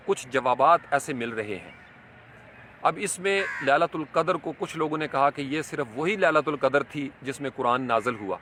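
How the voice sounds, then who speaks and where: A man's voice: on the high side, sharp tone, a little hiss or hum. A man giving a reflective religious lecture, explaining Quranic verses and mixing in English terms. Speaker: Islamic scholar.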